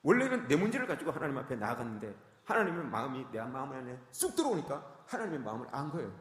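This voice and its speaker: A man's voice: mid-range voice, very animated, quick pace, echoey room, in a large hall. A male pastor preaching a sermon, emphatic and repetitive, often addressing the congregation directly.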